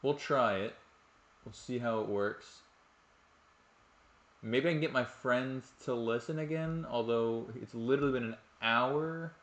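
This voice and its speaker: Speaking at a measured pace in a mid-range, slightly bright voice, this young man streams a game from home at night. His commentary is casual, rambling, and self-deprecating, with plenty of swearing between fights, and the room sounds echoey.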